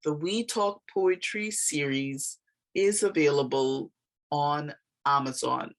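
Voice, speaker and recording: A woman presenting in a measured, explanatory style with careful, deliberate phrasing. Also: low voice. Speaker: presenter and author.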